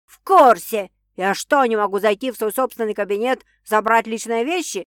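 A woman's voice: medium pitch, moderate pace, dry recording, lightly acted. Snarling rude producer guy barking insults, a woman doing him, audiobook, dry close sound. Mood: snarling angry. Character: angry middle-aged male film producer, rude bully.

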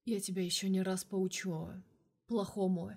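A woman reading an audiobook, voicing a teasing, flirty male boss in a low, hushed half-whisper. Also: fairly even intonation, moderate pace, natural voice. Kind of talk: audiobook character voice.

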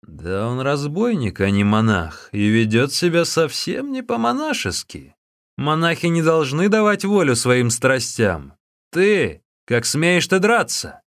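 A man's voice: a little high, animated, normal speed, creaky, few pauses, clean tone, no room sound, studio quality, voice pushed up. A man voicing a burly, arrogant young village bully who speaks in a haughty, scornful way, in a storybook reading.

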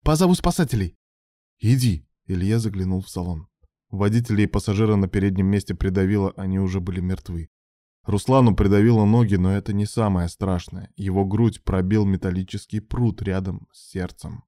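A man reading a dramatic story aloud, narrating in a steady, dramatic way. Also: sits low, a little fast, no echo, studio quality.

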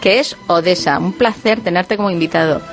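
A woman's voice: on the low side, a little fast, soft background music. A woman with a Spanish accent from Spain, hosting a radio interview with friendly, brief affirmations. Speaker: radio host.

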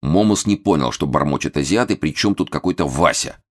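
A man narrating a novel with a very low, deep voice that still moves freely up and down. His reading is expressive and lively, shaping each sentence like storytelling. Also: fairly quick. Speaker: audiobook narrator. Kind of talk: scripted narration.

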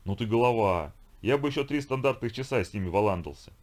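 A man doing a loud, cursing viking brawler. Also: on the low side, animated, fast, natural voice. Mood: gruff, exasperated. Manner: loud, cursing, exasperated shouting. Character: huge bearded male viking brawler, hot-tempered.

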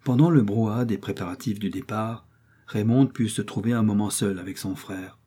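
Mellow husky male audiobook narrator. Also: on the low side, moderate pace. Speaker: audiobook reader. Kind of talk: scripted novel narration.

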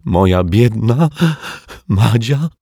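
A man's voice: animated, slow, darkish tone, dry recording, studio quality. A man doing a weepy, sniffling little girl. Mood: tearful. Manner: sniffling, high and plaintive. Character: weepy little girl mourning her caterpillar.

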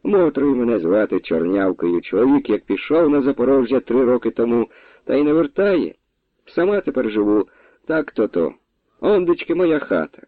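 A man's voice: mid-range voice, expressive, moderate pace, no room sound, natural voice. A bold young village woman who speaks her mind in a homely, direct way, as a male narrator puts her on. Her lines rise and fall freely. The recording is dry and tinny. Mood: frank. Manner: direct, homely, plain-spoken. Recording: dry, tinny phone-like sound.

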